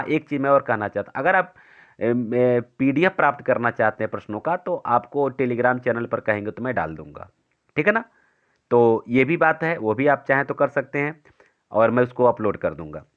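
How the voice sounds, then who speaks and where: Man teaching a poetry class, lo-fi. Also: medium pitch. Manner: explains step by step, asks and answers own questions; recites verse slowly and haltingly. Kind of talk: Hindi poetry lesson for board exam students.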